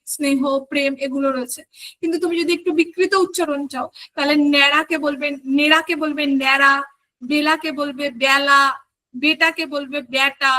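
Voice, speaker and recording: A woman teaches an online exam-prep class. Her voice sits high and rings bright as she walks through each point and keeps asking her students questions. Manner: explains step by step, asks the class questions.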